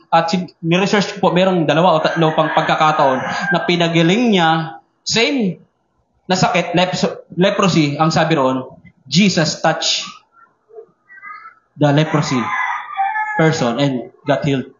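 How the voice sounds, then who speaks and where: A male pastor with a high voice, preaching with lively energy and constantly checking in with his listeners. The sound is dull and lo-fi, carrying the echo of a church hall. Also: moderate pace, pauses often, slight background noise. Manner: animated, asks the congregation questions often. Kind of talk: sermon. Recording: echoey room, dull lo-fi sound.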